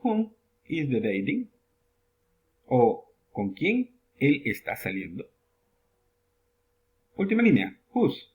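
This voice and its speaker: Lively male English teacher. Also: mid-range voice. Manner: reads English examples slowly and deliberately, then translates them. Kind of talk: classroom lesson narration.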